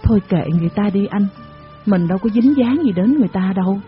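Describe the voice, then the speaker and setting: A woman playing a gentle soft-spoken wife. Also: medium pitch, animated, moderate pace, lightly acted. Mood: soft hushed. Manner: soft, affectionate. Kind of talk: radio drama reading. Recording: dull radio recording with music.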